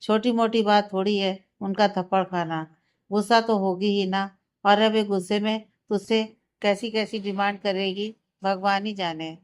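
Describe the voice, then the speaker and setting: A woman's voice: mid-range voice, fairly even intonation, moderate pace, clear, resonant tone, lightly acted. A woman voicing a joking young man. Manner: light, joking.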